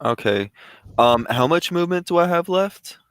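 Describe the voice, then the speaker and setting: A man's voice: fairly high pitch, lively intonation, normal speed, a bit bright, clear, resonant tone, no room sound. A man playing a tabletop game, careful and full of questions about his moves. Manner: careful, asks many questions. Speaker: player. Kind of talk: casual tabletop game play.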